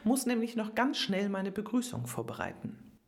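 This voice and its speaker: A woman's voice: medium pitch, sing-song, moderate pace, creaky, pitched above the performer's own voice. A woman voicing a cheerful, slightly flustered female leader of a children's theatre group, in a German storybook reading. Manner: bright, flustered, sing-song.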